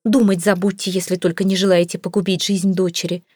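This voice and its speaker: A woman's voice: lowish voice, little pitch movement, a little mellow, no room sound, studio quality, natural voice. A woman playing a melodramatic fake fortune teller. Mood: stern. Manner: wailing, slow prophetic chanting. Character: theatrical female fake fortune teller, ex-actress.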